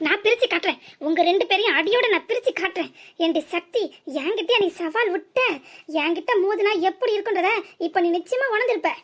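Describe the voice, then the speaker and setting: A woman's voice: very high voice, animated, fast, fairly bright tone. A woman playing a spiteful scheming woman. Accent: southern Tamil. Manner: bitter, taunting.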